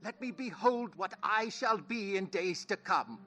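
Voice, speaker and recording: An actor playing a frightened old miser in a radio play, with a rough, husky voice and agitated, theatrical questioning. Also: male voice, high-pitched, animated, unhurried, pushed and bright, full character voice. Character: Scrooge, frightened old miser pleading with a spirit. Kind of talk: 1930s-style radio play acting.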